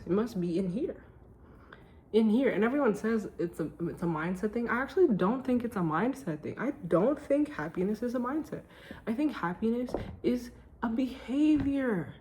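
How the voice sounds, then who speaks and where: A woman's voice: mid-range voice, darkish tone, a little hiss or hum. A woman vlogging to camera at home at night, talking casually about her day and her well-being research in an emphatic, self-joking way. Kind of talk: casual chatty vlog.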